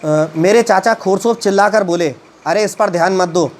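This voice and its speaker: A man teaching a story: he reads English lines slowly, then retells and explains them at a halting pace with many fillers. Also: high voice.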